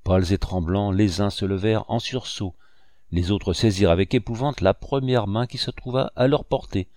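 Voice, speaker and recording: A man reading a classic novel aloud as an audiobook narrator, in a steady, measured way. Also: fairly low pitch, no echo, studio quality. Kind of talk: scripted narration.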